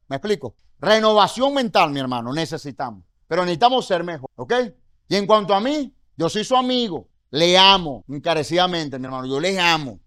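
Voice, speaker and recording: Venezuelan guy giving a bible study talk, pretty high voice, dry close sound, keeps asking "you get me?"-style questions. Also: no echo. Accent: Venezuelan Spanish. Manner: conversational preaching with frequent rhetorical questions; exhorting, encouraging. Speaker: congregation teacher.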